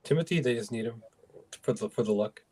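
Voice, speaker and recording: A young man co-hosts a casual movie chat. He talks very fast and keeps things offhand and slangy. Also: medium pitch, a little mellow, slightly rough.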